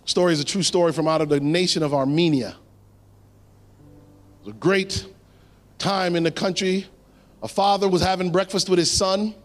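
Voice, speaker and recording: A male preacher delivering a sermon, pausing dramatically and dropping his voice low on key words. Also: fairly even intonation. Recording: long hall reverb.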